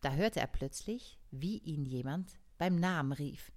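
A woman reading a story aloud to a live audience, slow and deliberate. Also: deep voice, lively intonation, darkish tone. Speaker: reader.

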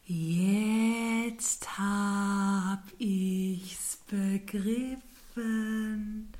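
A woman voicing a slow, calm snail who stretches every word and sometimes whispers. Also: medium pitch. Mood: calm drawling. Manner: extremely drawn-out, languid speech with whispered words.

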